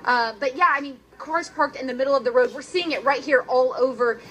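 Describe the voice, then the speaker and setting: A female news reporter with a high, bright voice gives an off-the-cuff live report on conditions, in a forward, sharp tone. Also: a little fast, slight background noise. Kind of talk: unscripted live weather report.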